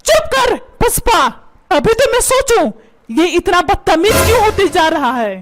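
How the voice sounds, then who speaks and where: A woman's voice: very high voice, very animated, a little slow, exaggerated voice. A woman voicing a short-tempered middle-aged father in a cartoon, scolding and repeating insults. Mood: demanding. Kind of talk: Hindi cartoon voice acting. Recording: loud background music.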